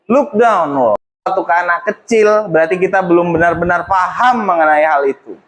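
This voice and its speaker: A man's voice: high voice, moderate pace, a bit bright. A male English teacher instructing a classroom, mixing English phrases into his talk and prompting students.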